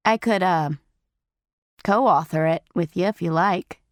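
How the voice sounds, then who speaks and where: A woman reading aloud, voicing an eager, scruffy young male graduate student who talks in an earnest, flattering way. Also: fairly low pitch, unhurried, no echo, clean studio sound, close to an everyday voice.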